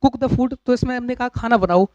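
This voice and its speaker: A man teaching English grammar in a lecture, explaining patiently with pauses and repeated examples. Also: very high voice, warm tone, no echo. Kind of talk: classroom lecture. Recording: dull, dry lo-fi recording.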